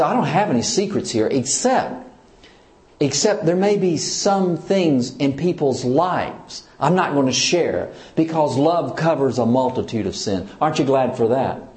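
His voice sits a little high and he never rushes, with reverberation filling the space. The man, a church leader, preaches by asking his listeners questions and underlining his arguments with lively emphasis.

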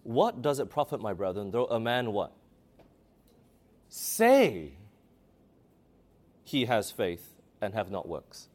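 Man, preacher, sermon, emphatic, call-and-response questions, lively swooping pitch. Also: normal speed, few pauses. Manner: emphatic, asks the audience questions.

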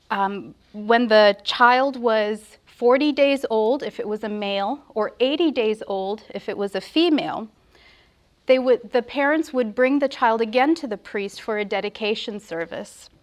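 Fairly high-voiced woman preaching at a pulpit microphone. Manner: earnest, measured, reverent. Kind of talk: sermon with prayer and scripture.

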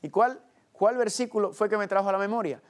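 A man's voice: sits high, fairly quick. A man preaching a sermon, asking the congregation rhetorical questions and quoting scripture. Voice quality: quotes scripture. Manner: addresses listeners as family.

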